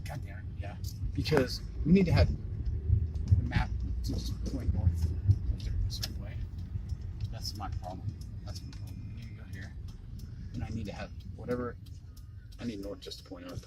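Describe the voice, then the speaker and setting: A man chatting casually and excitably while driving, swearing a lot as he hunts for scooters. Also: on the low side, moderate pace, pauses often. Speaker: vlogger hunting scooters. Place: in a car, then outdoors on a street. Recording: distant mic, loud traffic and wind noise.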